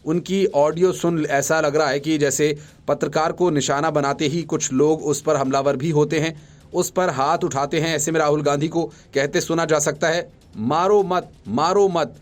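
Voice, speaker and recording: A man reading scripted news reports as a voice-over, in a brisk and emphatic bulletin style. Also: a little high, fairly even intonation. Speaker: news reader.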